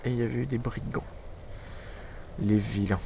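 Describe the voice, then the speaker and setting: A man's voice: medium pitch, fairly even intonation, moderate pace, creaky, background noise. A man giving casual, wry running commentary while playing a video game, muttering asides to himself. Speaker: let's play gamer.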